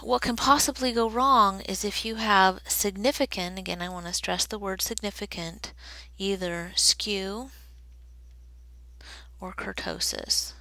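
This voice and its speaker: Slow, gravelly woman teaching statistics. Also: mid-range voice, steady tone, pushed and bright, no echo, rough recording. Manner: slow, deliberate explaining while drawing on a graph. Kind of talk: recorded statistics lecture.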